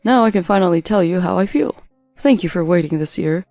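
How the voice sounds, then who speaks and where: A woman voicing a charming but manipulative young man in a narrated story, speaking in a calm, smooth-talking way. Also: on the low side, fairly quick, no echo, studio quality, faint music behind. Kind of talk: story narration with voiced quotes.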